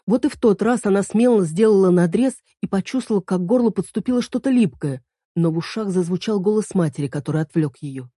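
A woman's voice: medium pitch, expressive, fast, mellow, husky, dry recording, studio quality. Woman reading a fantasy tale. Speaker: audiobook reader. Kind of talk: scripted narration of a fantasy tale.

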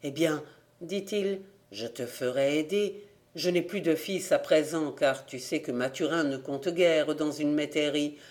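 A man reading an audiobook, voicing a proud, bitter old farmer father who speaks gravely and flares into anger. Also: a little high, measured pace, voice pushed down, lightly acted. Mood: grave pleading. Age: older.

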